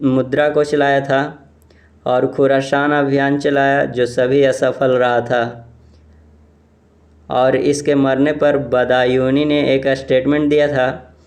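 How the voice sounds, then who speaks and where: A man reading exam questions aloud and explaining each answer in a steady, repetitive way. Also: mid-range voice. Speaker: exam quiz presenter.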